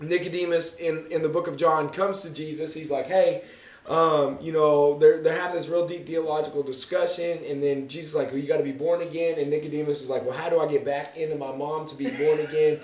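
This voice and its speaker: A man's voice: on the high side, fairly even intonation, brisk, a little mellow. A man leading a casual Bible study, joking and chatting as he reads scripture aloud. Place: church room. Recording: echoey room from a distance.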